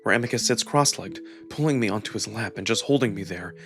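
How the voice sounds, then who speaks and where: Over background music, a man with a fairly low, fairly bright voice narrates a first-person story dramatically and quickly, performing as a voice actor for a visual novel.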